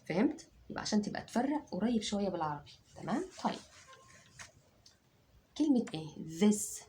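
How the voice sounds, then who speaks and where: Lively Egyptian woman teaching phonics. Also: medium pitch, brisk, slight background noise. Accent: Egyptian Arabic. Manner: drills sounds aloud, repeats and checks understanding. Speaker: English teacher. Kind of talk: phonics lesson for children.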